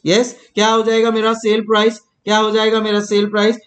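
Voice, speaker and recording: Playful high-voiced teacher. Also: male voice, monotone, fairly quick. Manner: teasing and repetitive, mixing Hindi and English. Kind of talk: playful classroom lecture.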